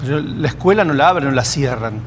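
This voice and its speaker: A man whose first language is Hebrew, speaking as a community-building expert, thoughtful and pausing with fillers. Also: mid-range voice, lively intonation, slight background noise. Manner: thoughtful, hesitant fillers, practical examples. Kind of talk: reflective interview answers.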